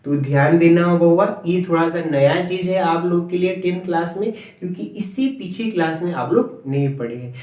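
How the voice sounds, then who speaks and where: A man's voice: fairly high pitch, moderate pace, hardly any pauses, a little mellow. Male maths teacher, repetitive drilling style, distant echoey classroom sound. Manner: repetitive drilling, spelling terms out letter by letter. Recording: echoey room, voice far from mic.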